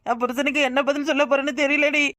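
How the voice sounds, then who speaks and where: Tamil lady voicing a cartoon village woman, tirunelveli accent, rapid and high, dry close mic. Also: little pitch movement, fairly bright tone, no room sound.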